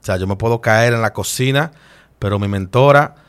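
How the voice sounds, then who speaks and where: Guy chatting on a podcast, lively storyteller, stumbles and restarts a lot. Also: on the low side, a little fast, clean tone. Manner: animated, emotional storyteller with frequent restarts. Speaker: guest chef. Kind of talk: casual interview storytelling.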